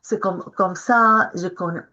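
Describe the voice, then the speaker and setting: A woman's voice: fairly low pitch, steady tone, pushed and bright, dull audio. An older woman from Israel speaking as a panelist, often stopping and starting again as she searches for her words. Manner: halting, searching for words, many restarts. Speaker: panelist, peace activist. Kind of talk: webinar talk, first recited then spoken freely. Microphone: video call.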